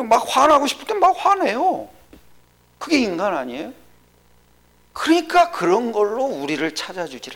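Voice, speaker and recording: Gravelly, whispering Korean preacher. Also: mid-range voice, a bit bright. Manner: drops to a whisper for emphasis, asks the audience questions. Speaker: pastor. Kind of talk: sermon.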